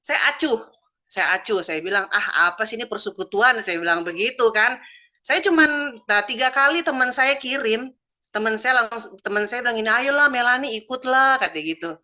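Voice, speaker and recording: A woman's voice: fairly high pitch, lively intonation, moderate pace, pushed and bright. A woman, chatting casually over a video call as she tells a personal testimony and acts out the dialogue in her story. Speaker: church member sharing a testimony.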